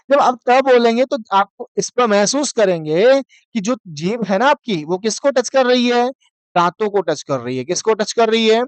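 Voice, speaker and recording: A man's voice: high voice, no echo. A man teaching a Sanskrit class, asking his students questions and answering them himself, and drilling sounds one syllable at a time. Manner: mixes Hindi explanation with read-aloud Sanskrit. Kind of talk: online class lesson explaining to students.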